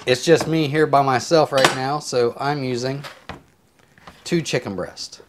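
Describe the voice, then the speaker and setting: Relaxed man explaining a home recipe. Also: mid-range voice, unhurried, noisy background. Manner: relaxed, rambling step-by-step explanations with filler words. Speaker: home cook. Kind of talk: casual cooking tutorial. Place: home kitchen, indoors. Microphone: clip-on lapel mic.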